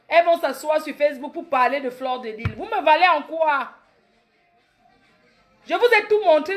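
A woman in her late thirties with a Cameroonian French accent, doing a brash, boastful comedy monologue that mocks her critics. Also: high voice. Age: 30s. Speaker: comedic vlogger.

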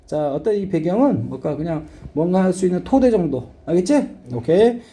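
In a high, very animated voice with a warm tone, a middle-aged man lectures his class through an English reading lesson. His manner is blunt and casual, and he constantly asks his students if they're following.

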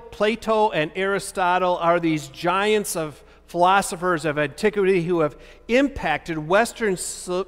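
Animated pastor preaching in a reverberant church. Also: male voice, high voice. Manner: animated, gesturing, rhetorical questions. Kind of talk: sermon. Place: large church sanctuary. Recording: long church hall reverb.

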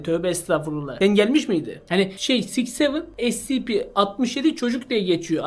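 A young man chatting to camera in a casual parody vlog, excitable and joking, full of slang. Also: high-pitched. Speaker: vlogger.

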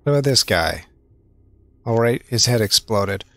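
Young guy streaming a game, joking around, bouncy pitch, laid-back pace, faint music. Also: expressive, measured pace, fairly bright tone, no echo. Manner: playful, joking asides. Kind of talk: casual gaming commentary.

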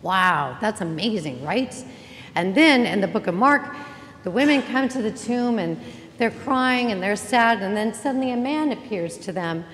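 A woman interim pastor with a medium-pitched, fairly bright voice gives an Easter sermon at a moderate pace, her intonation lively as she chats, jokes, and welcomes the congregation. The reverberant church sanctuary recording has faint ambience and a little hiss or hum.

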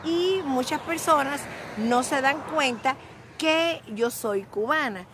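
Outdoors beside a grassy lot, a middle-aged woman born in Cuba films a casual vlog on a phone held at arm's length. She speaks slowly in a high-pitched voice with a theatrical, sing-song, self-praising manner, and there's background noise.

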